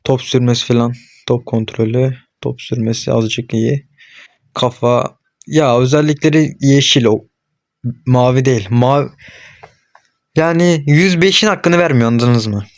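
A man's voice: medium pitch, a little slow. A young man hosting a gaming channel, commentating his own football match as he plays, talking to himself and urging on the players on screen, with frustrated outbursts. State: frustrated and worked up. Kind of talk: live gameplay commentary.

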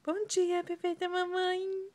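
A woman's voice: very high-pitched, completely flat delivery, takes it slowly, a little mellow. A mother cooing in sing-song baby talk to her infant while filming on a phone camera.

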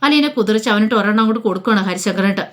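Fast-talking woman storyteller. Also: medium pitch. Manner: rapid, casual retelling. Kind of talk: colloquial story narration.

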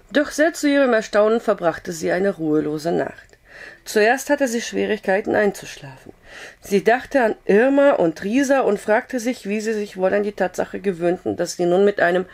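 A hoarse woman calmly reading a novel aloud, with a steady storytelling tone and the odd slip of the tongue. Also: medium pitch. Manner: calm, steady storytelling with occasional slips. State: hoarse with a cough. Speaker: audiobook reader.

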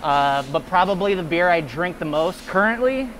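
A young man chatting casually about beer in a large warehouse, relaxed, with lots of fillers. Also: sits high, normal speed. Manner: relaxed, talkative with many fillers. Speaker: brewery guest. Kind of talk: casual chat. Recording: noisy warehouse room.

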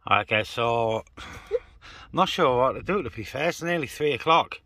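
Here the man's mid-range voice is expressive and pushed and bright, at a moderate pace, with no room sound and studio-quality clarity. Yet it's a noisy outdoor recording with vehicle and ambient noise, as he chats casually and colloquially for his CB radio vlog beside a car on breezy open moorland, addressed to a handheld phone or camera with its operator behind it.

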